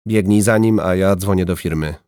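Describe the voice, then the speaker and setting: A man's voice: lowish voice, fairly quick, darkish tone, no room sound, studio quality, natural voice. A man voicing a tense young policewoman in an audiobook, speaking urgently and giving orders. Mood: commanding. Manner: urgent and commanding.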